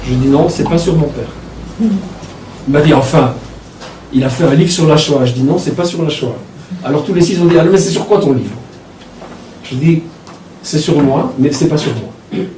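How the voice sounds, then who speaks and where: A man in his sixties from Belgium, an author recounting his childhood in a reflective, halting way. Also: fairly high pitch, mellow, slight background noise. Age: 60s. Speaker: author talking about his book. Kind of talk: personal storytelling talk. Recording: echoey room from a distance.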